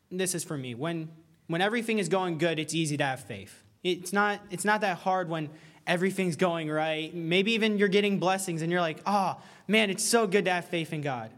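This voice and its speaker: A young man preaching a sermon in an earnest, conversational way, rising to loud pleading cries. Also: high voice.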